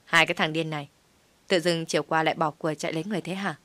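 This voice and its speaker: Woman reading brash middle-aged stall owner, blunt grumbling, low dry voice. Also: steady tone, very fast, a bit bright, no echo.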